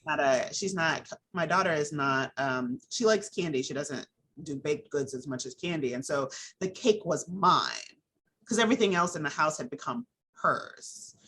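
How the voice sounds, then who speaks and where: A woman speaking as an interview guest, her tone bright and clear. She tells personal stories openly, stumbling over restarts and fillers and breaking into laughter now and then. A faint hiss sits under the recording. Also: deep voice, expressive, normal speed, low-quality recording. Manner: frequent ums and restarts, laughs often while telling stories. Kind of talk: candid personal storytelling.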